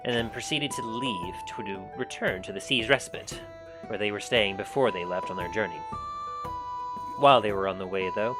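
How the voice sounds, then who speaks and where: A man working as game master, narrating a tabletop fantasy adventure in a halting storyteller delivery. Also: on the low side, poor audio. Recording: prominent guitar music behind voice. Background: guitar music.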